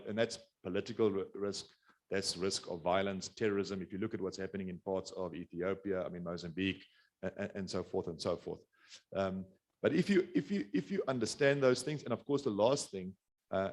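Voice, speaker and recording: Middle-aged South African man, low voice, quick rambling business webinar talk, lots of restarts. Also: darkish tone. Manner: rambling, many restarts and fillers. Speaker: business speaker. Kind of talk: webinar presentation.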